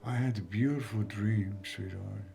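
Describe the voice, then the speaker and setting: Elderly ailing dad for drama: low, creaky voice, affectionate, dreamy, halting. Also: male voice, mellow, soft background music. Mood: dreamy, wistful. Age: older. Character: frail elderly ailing father, tender and dreamy. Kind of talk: film drama dialogue.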